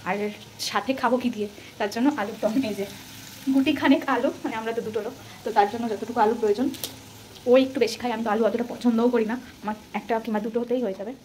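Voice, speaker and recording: Fast-talking chatty woman vlogger. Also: on the high side, steady tone, darkish tone, slight background noise, rough recording. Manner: chatty, rambling, self-correcting. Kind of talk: casual daily vlog narration. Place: home kitchen and rooftop.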